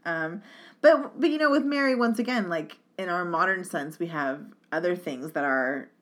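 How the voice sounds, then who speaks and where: A woman's voice: lowish voice, lively intonation, moderate pace. A woman co-hosting a casual chat about faith, chatty, with lots of "like" and "um". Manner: chatty, uses many fillers like "like" and "um". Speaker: podcast co-host.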